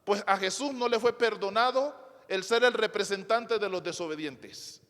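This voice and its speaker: A man's voice: high-pitched, normal speed, fairly bright tone. A male pastor preaching to a congregation, emphatic, repeating phrases and asking rhetorical questions. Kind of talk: sermon. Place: church before a congregation. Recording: long hall reverb.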